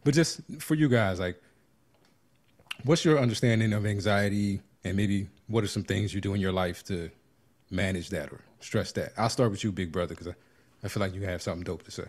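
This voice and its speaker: A man's voice: on the low side, a little fast, darkish tone. A man co-hosting a podcast who is out of breath, speaking openly and with self-deprecating humor. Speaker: podcast co-host leading a health segment. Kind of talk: casual chat.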